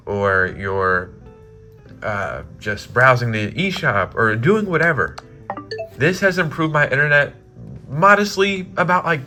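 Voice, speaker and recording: A man talks through console tips in a casual vlog, his voice bright and forward. He is upbeat and chatty, leaning on "like" and poking fun at his own slips. Soft music plays faintly behind him. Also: medium pitch. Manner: upbeat and chatty, heavy use of "like"; self-deprecating, laughs at own slips. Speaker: gaming YouTuber.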